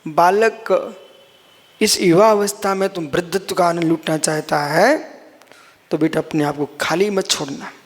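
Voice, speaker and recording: A man's voice: high-pitched, unhurried, in a large hall. A man, a Jain monk, giving a sermon, explaining scripture line by line and calling his listeners son and brother.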